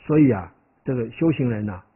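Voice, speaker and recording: Male monk-lecturer, conversational and digressive, expressive voice, lo-fi phone-quality audio. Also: mid-range voice, fairly quick. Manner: conversational, keeps asking "right?"; animated, digressive storytelling. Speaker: Buddhist monk teaching. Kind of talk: dharma lecture. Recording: tinny, phone-like lo-fi recording.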